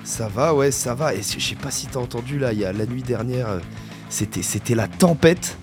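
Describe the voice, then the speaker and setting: A man with a hoarse, worn-out, raspy voice, chatting casually as the host of a music radio show. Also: medium pitch, normal speed. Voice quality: very husky, raspy. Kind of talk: casual chat.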